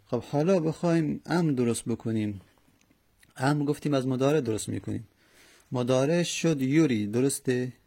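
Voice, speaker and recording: Gravelly, dark-voiced male grammar teacher. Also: mid-range voice. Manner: slow methodical conjugation drilling with fillers. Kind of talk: Arabic morphology lesson in Persian.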